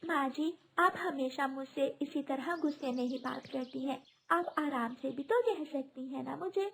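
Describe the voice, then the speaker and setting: A woman voicing a gentle, meek young bride sparrow in a cartoon, speaking in a pleading, timid way. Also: sits high, measured pace, vocal fry, exaggerated voice.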